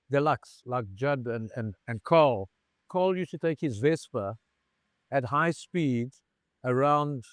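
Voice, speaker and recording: A middle-aged man from South Africa tells stories in a relaxed interview, acting out the people in them. His pitch sits in the ordinary middle range. The sound is dry, with little room around it. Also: no echo. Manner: animated anecdotal storyteller, acts out dialogue. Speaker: bar founder, interview guest. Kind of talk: casual storytelling interview. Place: bar in Cape Town.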